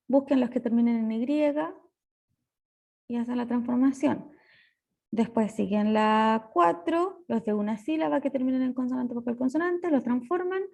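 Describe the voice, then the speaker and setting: A woman English teacher with a Chilean Spanish accent, patiently explaining grammar rules step by step and slowing down on key points. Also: a little high, gravelly, warm tone. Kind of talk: recorded lesson explanation.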